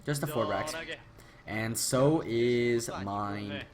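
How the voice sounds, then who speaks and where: Alone at a new desktop microphone, a man gives casual, rambling play-by-play on a video game match, swearing freely and bursting into excited yells. His medium-pitched voice sounds tired and dry-throated, his pace is slow, and crowd noise plays in the background.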